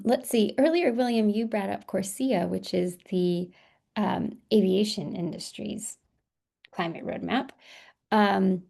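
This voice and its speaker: A woman's voice: mid-range voice, vocal fry, dark tone. A woman moderating a webinar panel, asking questions in a friendly, informal way over a video call.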